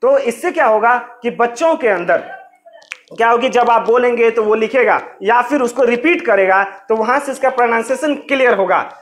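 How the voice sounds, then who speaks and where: A man's voice: extremely high pitch, moderate pace. A man teaching an exam-prep lecture on English teaching methods, explaining in Hindi mixed with English terms and repeating key phrases.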